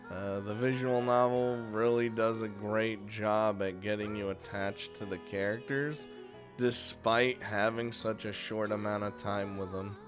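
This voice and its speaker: A man counts down a top five list on his video game channel, unhurried and steady-toned in a lowish voice. His commentary is casual, peppered with chuckles and frequent swearing, and music plays underneath.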